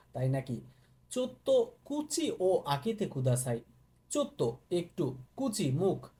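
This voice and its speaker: A man leads a casual spoken language lesson. His pitch swings widely as he repeats words. His tone is mellow and warm. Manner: slow, repeats each Japanese word and then explains it. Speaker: Japanese language teacher.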